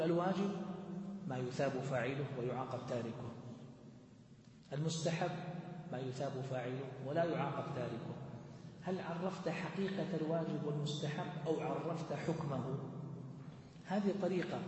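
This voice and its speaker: A man's voice: a little high, darkish tone, slight background noise. A man explaining a classical religious text to students in a methodical way, asking questions and answering them himself. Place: large mosque hall. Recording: echoey hall with long reverb.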